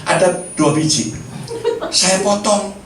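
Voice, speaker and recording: A middle-aged man, preaching and telling a lively personal story, acting out the dialogue. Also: high voice, slow pace, distant mic, over a noisy crowd. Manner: storytelling, animated, acts out dialogue, laughs often. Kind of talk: sermon with personal testimony. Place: church hall. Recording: echoey hall, mic from afar, faint noise.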